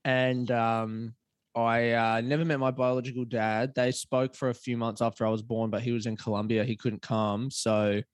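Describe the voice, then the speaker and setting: A man's voice: mid-range voice, level tone, moderate pace, clear, resonant tone, dry recording. Laid-back Australian man, dry close sound. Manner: laid-back, swears casually, laughs often. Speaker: guest comedian. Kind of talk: casual podcast chat.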